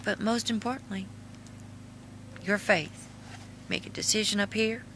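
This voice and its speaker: A woman with an Appalachian-style hillbilly twang casually reads her own writing aloud with asides, in a halting, folksy, earnest way. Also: medium pitch, fairly even intonation, a bit bright, slight background noise. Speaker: video host and author reading own memoir.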